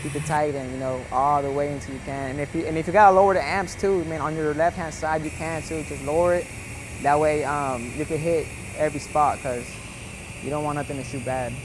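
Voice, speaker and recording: A young welding instructor gives a casual instructional voice-over, a laid-back, rambling lesson loaded with fillers like "you know" and "like." His voice is on the high side, fairly quick, and fairly even in intonation, with background noise.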